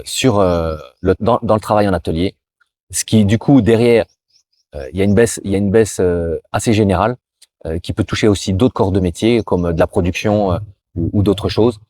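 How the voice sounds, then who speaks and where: Warm in tone and low in pitch, the man talks at a moderate pace with no room sound around him. He's a career advice host from France giving casual advice right to the camera, stumbling into restarts and repetitions along the way.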